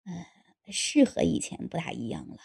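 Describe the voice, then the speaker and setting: A woman performs an audiobook character, a drunk and gullible married man who swings between sheepishness and boasting with tipsy bravado. Her heavily acted, low husky voice has a darkish tone and big pitch swings, at a moderate pace.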